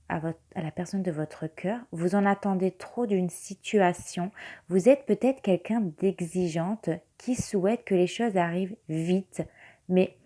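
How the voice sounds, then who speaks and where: A woman speaking gently and soothingly, without hurry, as a tarot reader and meditation guide. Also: medium pitch. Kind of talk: soft-spoken spiritual card reading and guided meditation.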